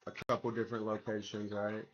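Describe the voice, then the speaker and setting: A man with a fairly low voice talks to his stream in loose, slangy chat. His throat is sore from swollen tonsils and his voice has not fully returned. The audio is a little dull and lo-fi, as he informally walks viewers through his work. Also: flat delivery, fast. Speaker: livestream host building an app. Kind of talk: casual livestream chat while working.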